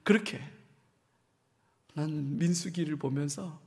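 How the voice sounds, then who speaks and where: A high-voiced male pastor preaches a midweek Bible lecture, telling the story with lively humor and dropping now and then to hushed asides. His voice rings through the long reverb of a large church hall. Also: slow pace.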